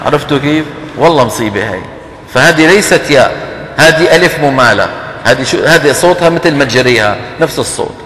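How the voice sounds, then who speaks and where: A man teaches Quran recitation in a lively, teasing way, often slowly chanting example words. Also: medium pitch. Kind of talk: lecture on tajweed, mixing dialect and formal Arabic. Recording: roomy hall with long echo, faint hum.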